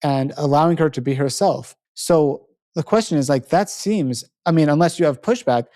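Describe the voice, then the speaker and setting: A man's voice: on the high side, moderate pace, mellow. A man hosting a podcast who talks casually and rambles a little, filling his speech with "like" and "you know" and correcting himself as he goes. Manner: chatty, lots of "like" and "you know", self-correcting. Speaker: podcast host.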